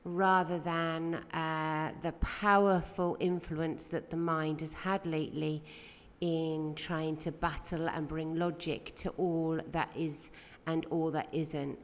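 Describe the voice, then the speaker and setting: A woman leading a guided meditation, giving soothing instructions in gentle, measured phrases with pauses. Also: low voice, little pitch movement. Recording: long reverberant hall-like echo.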